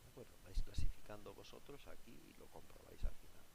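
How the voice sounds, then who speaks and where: Male teacher, deep gravelly voice, patient worksheet lesson over loud noise and clicks. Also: lively intonation, quick pace. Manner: patient, often asks "¿de acuerdo?". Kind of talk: recorded lesson explaining a worksheet.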